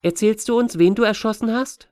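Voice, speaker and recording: A man's voice: high-pitched, fairly quick, a little mellow, no room sound, clean studio sound, voice pushed up, lightly acted. A man voicing a pushy, blunt ten-year-old girl who keeps asking questions in a whiny, insistent way, in a storybook reading.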